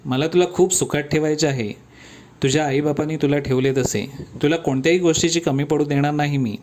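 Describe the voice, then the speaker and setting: A man voicing a gentle, devoted young rickshaw driver who talks in an earnest, reassuring, fond way. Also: fairly high pitch, fairly even intonation, brisk, a little hiss or hum, close to an everyday voice.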